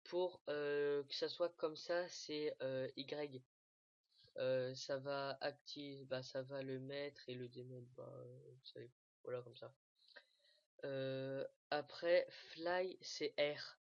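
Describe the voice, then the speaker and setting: Slow, hesitant voice with lo-fi mic. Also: medium pitch, steady tone, dry recording. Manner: hesitant, full of fillers and restarts. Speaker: gaming tutorial maker. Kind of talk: casual screen-recorded tutorial. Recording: dull lo-fi dry mic.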